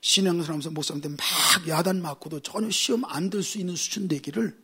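A man's voice: high voice, fast talker, sharp tone, slightly rough. A male pastor preaching a sermon, telling humorous stories and driving points home with emphatic repetition.

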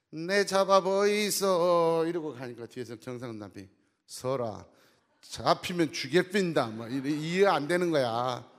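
A man's voice: medium pitch, vocal fry. A male pastor giving a humorous sermon to his congregation in a church, teasing the crowd and often checking in with them. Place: church sanctuary. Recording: long hall reverb.

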